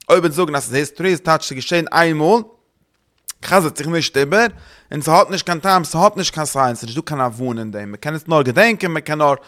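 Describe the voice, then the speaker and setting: A man's voice: on the high side, fairly bright tone. A man giving a religious study lecture, thinking aloud, searching for words, repeating himself and slipping in English terms.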